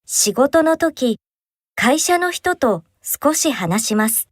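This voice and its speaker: A woman voicing a polite young learner in a recorded textbook dialogue, speaking with clear, careful enunciation. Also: high voice, big pitch swings, slow, no echo, clean studio sound, exaggerated voice.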